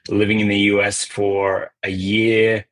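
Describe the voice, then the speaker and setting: A middle-aged Australian man, a cybersecurity vendor executive, speaks as a podcast guest in a lowish, level, slightly bright voice at an unhurried pace. He's talkative and often restarts sentences and repeats words. The recording quality is low.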